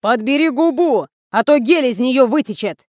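A woman voicing a short, fat, bossy male ad producer who yells and bullies, in a storybook reading. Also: high voice, lively intonation, takes it slowly, no room sound, studio quality. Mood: yelling. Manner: yelling, bullying, explosive.

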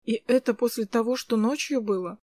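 A woman voicing a gentle, teasing young man who is an older brother in an audiobook, speaking softly. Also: on the high side, a little fast, no room sound, clean studio sound, close to an everyday voice. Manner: soft, teasing.

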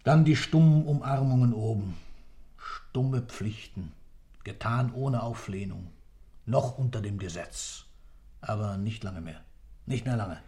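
In a literary radio play, an actor portrays an accused man recounting a story, intense, theatrical and emphatic, sometimes sinking to a whisper. His voice sits on the low side with a dark tone and measured pace, setting a somber narrative mood.

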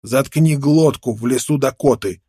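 A man's voice: medium pitch, normal speed, dark tone, breathy edge, dry recording, studio quality, close to an everyday voice. A man voicing a menacing, contemptuous young frontiersman with a knife, snarling threats in an audiobook. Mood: threatening.

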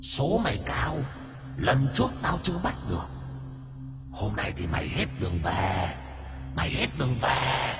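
A man voicing a vengeful female ghost in an audio story, with a shrill, taunting manner and half-whispered threats. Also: big pitch swings, unhurried, music in the background. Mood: menacing.

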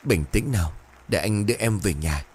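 A man's voice: fairly low pitch, animated, normal speed, breathy edge. A man voicing a frightened young husband who speaks shakily. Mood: anxious.

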